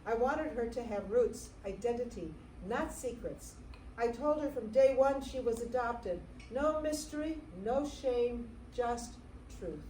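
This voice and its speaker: An actress in a staged theatre reading playing a devoted American single mother recalling her adopted daughter, in a tender, measured monologue. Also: fairly high pitch, warm tone, natural voice. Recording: roomy stage sound from far off, faint noise.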